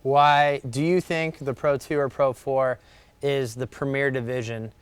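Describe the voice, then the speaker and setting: A man's voice: medium pitch, little pitch movement, unhurried, clean tone, dry recording. A man hosting a live show, reading viewer questions and teasing his guest in a casual way. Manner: joking, teasing.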